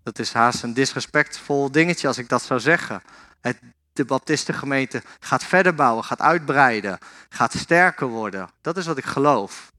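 A man's voice: mid-range voice, lively intonation, moderate pace, bright, forceful tone. A man preaching in a church, telling stories and talking directly to the people in front of him. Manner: storytelling, addresses the audience directly. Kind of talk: sermon.

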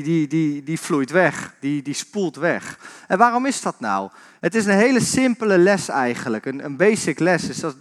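A man preaching an informal church sermon, talking straight to the congregation with frequent restarts and repetitions. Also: a little high. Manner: conversational, addresses congregation directly, many repetitions and restarts. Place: church hall.

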